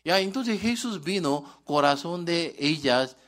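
A man's voice: a little high, lively intonation, measured pace, a bit bright. A male pastor preaching a sermon in broken, article-dropping Spanish, asking the congregation questions and answering them himself.

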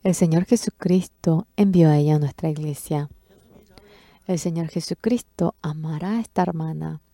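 A woman interpreting a sermon testimony, expressive, acting out quoted speech with sudden jumps in pitch. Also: moderate pace.

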